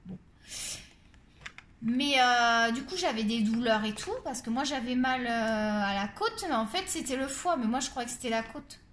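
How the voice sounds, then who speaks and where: Coloring as she talks, a middle-aged channel host rambles candidly and casually, dropping in lots of fillers. She speaks at a normal speed in a slightly high, fairly bright voice, with a little background noise.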